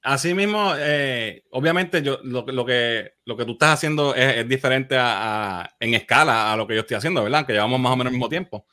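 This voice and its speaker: Bright-voiced modest Puerto Rican man. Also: mid-range voice. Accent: Puerto Rican Spanish. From Puerto Rico. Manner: reflective, modest, halting with restarts. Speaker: content creator guest. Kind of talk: casual podcast conversation.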